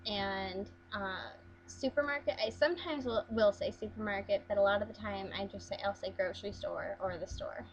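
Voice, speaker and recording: Speaking at a normal speed and an everyday pitch, a young woman from Las Vegas films a casual accent challenge for her vlog. She's chatty yet hesitant, stumbling into ums and restarts, and the slightly muffled audio carries a faint underlying hum.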